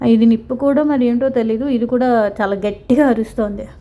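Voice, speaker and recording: A woman's voice: on the high side, fairly even intonation, mellow. Rambling middle-aged woman vlogging outdoors. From India. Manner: sympathetic, rambling, drawn-out talk with many restarts. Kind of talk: casual vlog narration. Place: outdoor zoo park.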